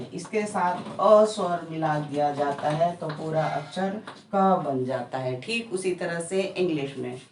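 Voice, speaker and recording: A woman's voice: lowish voice, a little mellow, a little hiss or hum. A woman teacher explaining a basic spelling lesson patiently, spelling words out letter by letter. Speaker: English teacher. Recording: roomy echo, voice from a distance.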